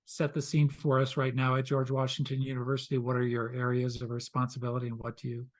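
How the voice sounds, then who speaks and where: A man hosts a podcast interview. He speaks in a halting way, with many uh and um fillers between his phrases. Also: medium pitch, monotone. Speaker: podcast host.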